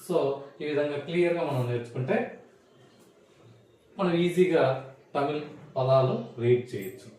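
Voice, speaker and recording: A man's voice: fairly high pitch, moderate pace, long pauses, a little mellow. Man teaching in a very echoey room. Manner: patient, explains step by step with repeated questions. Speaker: Tamil teacher. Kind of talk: teaching a lesson in Telugu. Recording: echoey room, mic at a distance, faint noise.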